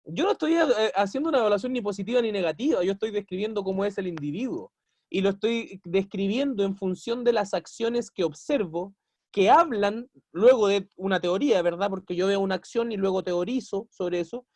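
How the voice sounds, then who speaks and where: A man's voice: high-pitched, darkish tone, no echo. A man giving a university lecture as a teacher, explaining at length, asking rhetorical questions and acting out quotes.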